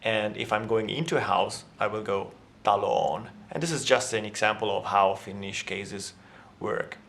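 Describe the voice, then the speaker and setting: Here an Italian-native vlogger talks through grammar casually to camera, full of fillers and false starts as he thinks aloud. He has a fairly low, steady, fairly bright voice with vocal fry, delivered at a moderate pace.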